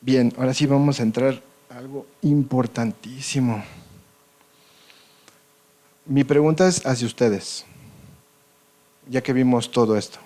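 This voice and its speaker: A man's voice: medium pitch, a little slow, pauses often, warm tone. A man with a Mexican Spanish accent, a doctor lecturing an audience on colposcopy in a conversational way, often checking in with "ok?" and "yes or no?".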